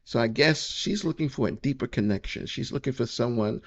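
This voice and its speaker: A man's voice: mid-range voice, fairly quick, creaky, dull audio. A man giving casual reaction commentary, opinionated and repeating his points.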